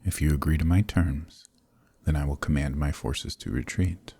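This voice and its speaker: Sadistic vampire lord, ASMR roleplay: possessive, silky menace, extremely breathy and husky, dark-toned. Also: male voice, a bass voice, fairly even intonation, dry recording, full character voice. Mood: mocking, silky. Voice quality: breathy, gravelly. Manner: slow, menacing, mockingly tender purr. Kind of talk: ASMR roleplay audio drama.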